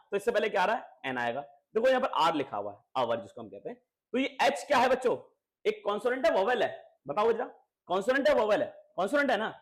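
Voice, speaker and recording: A man teaching a grammar lesson to schoolchildren, asking and repeating questions. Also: sits high. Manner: lively, repeats questions to students, coaxing.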